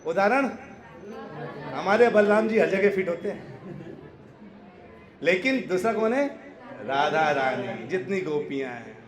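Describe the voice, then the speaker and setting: A man with a notably high voice delivers a devotional talk to a live audience. He keeps stopping to quiz his listeners and laughs easily as he teaches. His voice rings around an echoey hall. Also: expressive, unhurried, long pauses, crowd noise. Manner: quizzes the audience and laughs often while teaching. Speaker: spiritual preacher.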